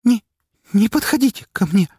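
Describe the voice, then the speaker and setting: A man's voice: lively intonation, fairly quick, slightly rough, no echo. A man voicing a terrified, distraught young woman student who shrieks and trembles close to tears. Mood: panicked. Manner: shrill, trembling, on the edge of tears.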